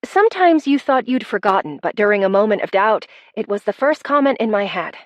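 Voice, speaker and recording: A woman's voice: mid-range voice, very animated, fairly quick, dry recording. A woman narrating a first-person romance audiobook in a wry, conversational storytelling manner.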